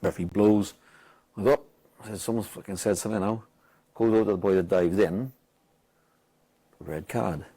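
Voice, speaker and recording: A man's voice: on the low side, normal speed, long pauses, breathy edge. A Welsh man, a football manager, telling a match story in casual chat, swearing freely and acting out what people said. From Wales. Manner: animated, swears a lot, acts out quotes loudly.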